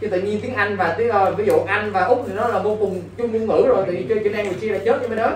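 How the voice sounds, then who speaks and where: A man's voice: sits high, steady tone, fast. A male English teacher, giving an exam-prep lesson and constantly quizzing his students. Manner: quizzing, keeps asking "got it?". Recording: roomy, distant mic, faint background noise.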